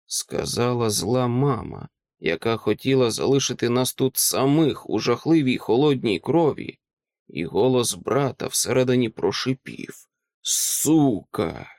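Male audiobook narrator: dramatic, lively pitch, close dry mic. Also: a little slow, no echo. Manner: dramatic, expressive reading.

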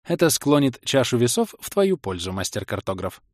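A man's voice: mid-range voice, very animated, no room sound, clean studio sound, natural voice. A man voicing a stern, dignified grey-haired female gnome librarian who speaks formally and loftily. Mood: formal, conspiratorial. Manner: formal, measured, lofty speech.

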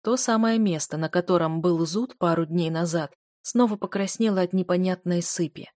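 A woman reading first-person fiction aloud as an audiobook narrator, in a steady, measured storytelling manner. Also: fairly low pitch, no echo, studio quality.

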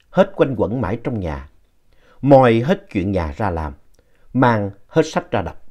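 A man telling ghost stories in an expressive, playful narration, reading out a listener's letter. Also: on the low side. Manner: animated, playful reading with lively shifts in tone.

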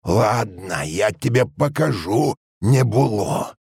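A man voicing a train driver with a muffled but strong, spiteful voice, shouting angrily. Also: fairly low pitch, animated, slow pace, creaky, slightly rough, no room sound, studio quality, voice pushed up, heavily acted. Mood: angry. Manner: angry shouting.

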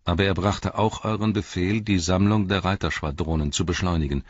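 A loyal chieftain reports earnestly to his king in a deep, husky voice, as a male narrator reads him. The sound is dry and a little dull. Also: fairly even intonation, fairly quick, dry recording.

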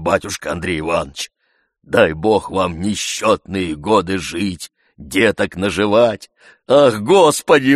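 A man voicing a fussy, devoted old male servant, wheezing and hoarse, in a read-aloud story. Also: mid-range voice, no echo, clean studio sound, pitched above the performer's own voice, full character voice. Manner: fawning, fussy exclamations.

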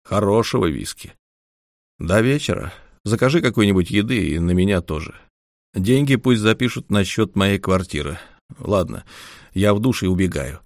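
A weary police captain acted by a male narrator with a lowish voice, calm and terse. He is an audiobook character, recorded dry and close. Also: moderate pace, no room sound. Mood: matter-of-fact. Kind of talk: scripted audiobook character acting.

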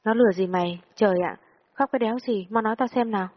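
In a storybook reading, a woman with a mid-range, natural voice speaks fast as a furious, foul-mouthed older female friend who scolds and swears at a younger girl. The audio is dull and lo-fi with a long reverb.

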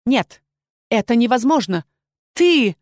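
A shrill, cruel dragon queen, as a woman reading an audiobook puts her on, her voice pitched high and climbing into shrieks as she barks orders. She gloats and threatens in a loud, forceful delivery. The reading is close and dry, with no room around it. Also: very animated, takes it slowly, dry recording. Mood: furious.

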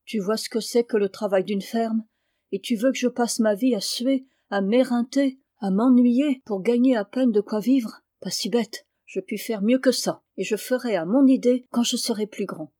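A woman's voice: a little high, normal speed, mellow, dry recording, studio quality, close to an everyday voice. A woman voicing a sullen, ambitious schoolboy who scorns farm work.

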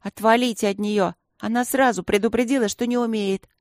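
Brief: loyal teen girlfriend, wry drawl, a little higher, as a woman reader does her. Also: fairly even intonation, a little fast, a little mellow, no echo, studio quality, close to an everyday voice. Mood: protective. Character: loyal, lazily ironic teenage girl friend.

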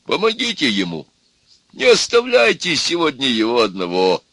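A man voicing a stern, excitable old grandfather who lectures and exclaims. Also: mid-range voice, normal speed, dry recording, voice pushed up, exaggerated voice.

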